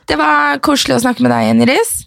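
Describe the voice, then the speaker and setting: Young woman podcast host, slightly high, gravelly voice, close dry mic, chatty and laughing. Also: fairly even intonation, a bit bright, dry recording. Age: 20s. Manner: chatty storyteller, laughs often. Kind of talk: casual chat.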